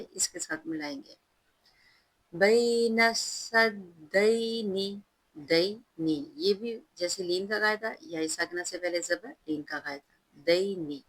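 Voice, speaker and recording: A woman teaching recitation, who alternates drawn-out chanted recitation with calm, patient spoken explanation. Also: lowish voice, husky, low-quality recording. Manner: patient, instructive tone. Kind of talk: slow, careful recitation lesson.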